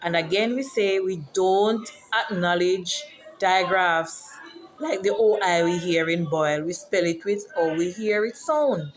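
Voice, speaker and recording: A woman's voice: fairly low pitch, unhurried, a little hiss or hum. A woman from Jamaica with a Jamaican accent, a teacher and author talking casually to camera and explaining words like a lesson. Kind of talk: casual vlog.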